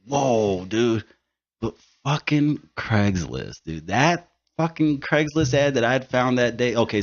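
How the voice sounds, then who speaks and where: A man in his thirties hosting a podcast, telling stories in casual, profane, emphatic chat. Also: mid-range voice. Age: 30s. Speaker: podcast host. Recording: dull lo-fi studio recording.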